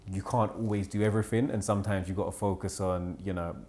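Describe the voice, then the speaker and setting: A man hosting a casual podcast interview, relaxed and reflective, who sums up his guest's points and asks him follow-up questions. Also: low voice, fast. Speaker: podcast host.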